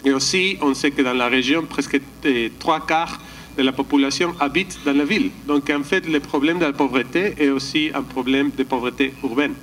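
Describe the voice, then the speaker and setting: A man's voice: mid-range voice, fairly even intonation, normal speed, a bit bright, a little hiss or hum, rough recording. A man giving a slide presentation at a conference, hesitant, often restarting and searching for words. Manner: calls for the next slide.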